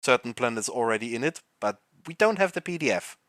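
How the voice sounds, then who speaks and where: A man's voice: mid-range voice, lively intonation, a little fast, fairly bright tone, no echo. A man on a voice call, chatting loosely as game master while planning a tabletop game, swearing and tripping over his words.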